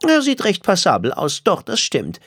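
Gushing elderly woman, a man's put-on voice, high-pitched, animated, dry audiobook read. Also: moderate pace, husky, dry recording, full character voice. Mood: teasing. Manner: swooning, emphatic. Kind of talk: audiobook character voice.

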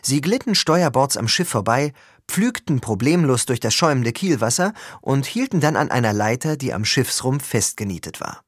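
A man reading a first-person story aloud as an audiobook, with expressive, lively storytelling. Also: medium pitch, normal speed, few pauses, no echo, studio quality. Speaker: audiobook reader.

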